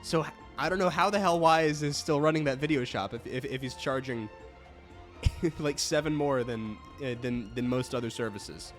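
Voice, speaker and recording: A man's voice: mid-range voice, moderate pace, soft background music. A young man hosting a let's play, chatting casually with lots of fillers and easy laughs. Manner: rambling, filler-heavy, laughs easily. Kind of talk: casual gaming commentary.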